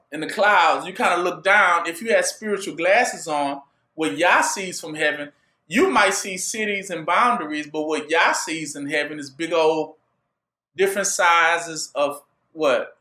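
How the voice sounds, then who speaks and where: A man's voice: on the high side, pushed and bright, reverberant. A man preaching a sermon, drawing his listeners in with rhetorical questions he leaves for them to finish. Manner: call-and-response rhetorical questions.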